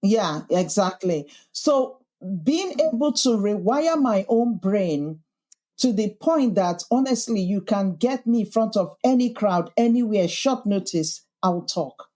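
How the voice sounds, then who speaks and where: A podcast host, here appearing as a guest, is interviewed in a reflective conversation. She has a Yorkshire accent and a mid-range, mellow, expressive voice, speaking unhurriedly. Earnest, thoughtful, and emphatic, she restarts her sentences often and lays out her points in emphatic lists.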